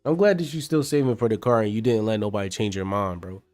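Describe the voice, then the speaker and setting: A man's voice: fairly low pitch, fast, darkish tone, no room sound, soft background music. Chatty man streaming to his chat. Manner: chatty, addresses chat viewers by name. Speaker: streamer reading documents and chatting with viewers. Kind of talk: casual live-stream reading and chat.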